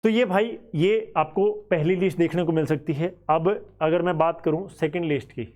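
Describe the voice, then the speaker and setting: A man's voice: on the high side, moderate pace, a little mellow. A man with a Haryanvi-flavoured Hindi accent teaching students about exam cut-offs in a conversational, thinking-aloud way.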